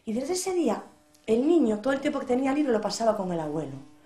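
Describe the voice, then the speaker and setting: Woman Galicia, storyteller, quick-talking, fairly high voice, lively, echoey room. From Galicia, Spain. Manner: lively, expressive narration. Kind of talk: oral storytelling.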